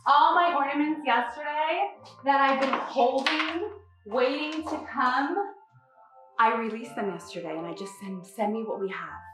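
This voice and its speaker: Bright, high-voiced chatty woman decorator. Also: heavy reverb, recorded from a distance, poor audio. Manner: chatty, bubbly, laughs often. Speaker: holiday decorator and host. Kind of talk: live-stream tutorial chat. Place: decorating studio.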